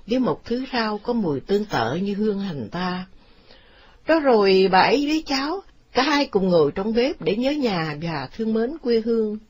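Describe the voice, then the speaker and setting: A woman narrating a story aloud in an expressive reading. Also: medium pitch, husky.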